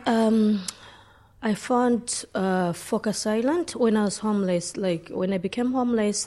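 A woman from Zambia being interviewed, speaking in a halting, hesitant way. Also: fairly low pitch. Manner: halting, hesitant, soft-spoken.

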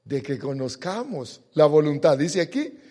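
A man's voice: fairly high pitch, big pitch swings, unhurried, warm tone. A man preaching a sermon, pressing points with rhetorical questions and drawing out the words he stresses. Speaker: pastor. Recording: long hall reverb.

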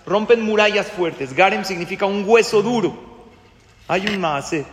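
A man's voice: high voice, normal speed, fairly bright tone, big-room sound, a little hiss or hum. A man, a rabbi, giving a class as a sermon. He puts questions to his listeners and acts out the voices in the story he tells.

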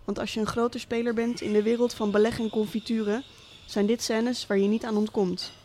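A woman's voice: on the high side, flat delivery, fairly quick, warm tone, a little hiss or hum, close to an everyday voice. A woman reading as a sardonic absent tycoon father. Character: cynical rich middle-aged father, absent tycoon. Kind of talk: literary monologue reading.

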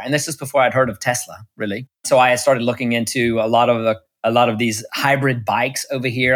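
A man's voice: mid-range voice, fairly bright tone. A man giving an interview, chatting through stories with many restarts and fillers. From United States. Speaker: interview guest, electric car executive. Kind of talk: casual storytelling interview. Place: Munich.

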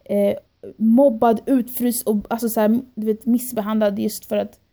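A young woman and podcast guest in casual chat, telling a story in lively detail, acting out what she and others said and dropping into English phrases. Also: on the high side. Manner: animated storytelling, quoting herself and others.

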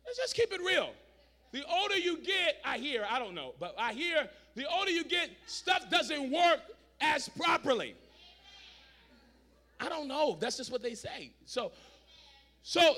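Male preacher, ringing bright tone, loud call-and-response sermon with chatty asides. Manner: shouts and drops to a low, conversational aside, repeats words, talks back to the crowd. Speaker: pastor. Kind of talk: energetic sermon to a congregation.

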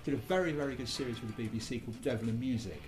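A man's voice: medium pitch, rapid-fire, music in the background. A man hosting a podcast, giving discursive, casual commentary on culture in a musing way. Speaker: podcast host.

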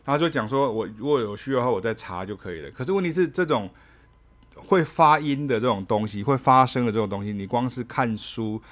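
A man's voice: medium pitch, fairly quick. A man giving a casual spoken jazz lesson, chatting in a loose, rambling way and scatting rhythms aloud. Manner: chatty, ends phrases with a soft "ha", scats rhythms aloud. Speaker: jazz teacher.

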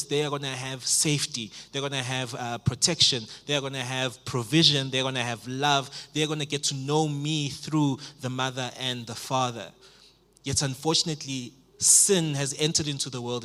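A young man in his twenties preaches a sermon in church with a bright, forceful tone. He builds his points through earnest repetition, slipping in frequent "uh" and "um" fillers as he goes. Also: mid-range voice. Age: 20s. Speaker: pastor.

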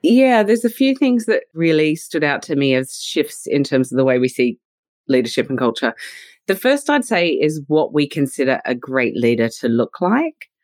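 A leadership and culture consultant in her forties with an Australian accent guests on a podcast, warm, thoughtful and conversational, laughing easily and using "you know" as filler. Her low voice is very animated at a normal speed, in a dry, clean studio recording.

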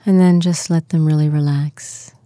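A woman leading a guided muscle relaxation and visualization, speaking in slow, soothing, soft-spoken instructions. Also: low-pitched, fairly even intonation, no echo, clean studio sound.

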